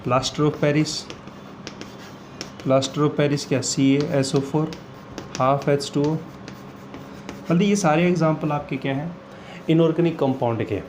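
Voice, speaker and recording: The chemistry teacher here has a fairly high, steady, slightly mellow voice, with a little hiss or hum on the recording. Lecturing slowly, he repeats key terms, uses English phrases, and answers his own questions.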